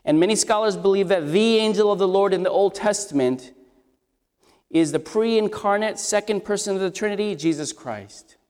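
With a high, darkish, scratchy voice and a moderate pace, a man works through an expository sermon. His delivery is conversational, and he asks the congregation questions, heard through long hall reverb.

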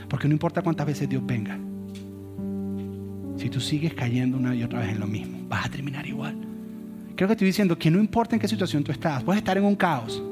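A male pastor in his thirties delivers a sermon, moving from animated storytelling to hushed emphasis. His voice sits a little high, and a guitar plays clearly underneath him throughout. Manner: animated storytelling, swings between loud and hushed. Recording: guitar music playing underneath.

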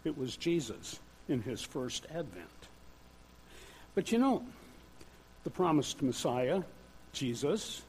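An older man gives an earnest sermon in a church, pausing often in a measured way. His voice sits a little high and moves freely up and down as he preaches. A faint hum runs behind him. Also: a little mellow, rough recording. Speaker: church speaker.

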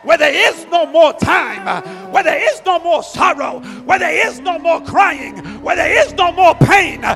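A middle-aged man preaching a fervent sermon in a church, shouting and calling out hallelujah again and again. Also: extremely high pitch, lively intonation, unhurried, vocal fry. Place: church sanctuary. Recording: long church reverb with faint music.

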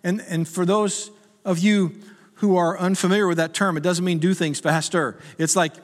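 A man's voice: high-pitched, steady tone, moderate pace, big-room sound. A middle-aged male pastor preaching a sermon in a conversational, humorous way that rises to urgent appeals.

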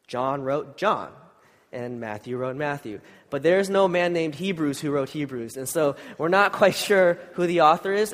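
Male preacher, fairly high nasal voice, conversational and unpolished, recorded with a big hall's reverb. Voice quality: nasal, congested. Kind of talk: informal church sermon with scripture reading and prayer. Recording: long hall reverb.

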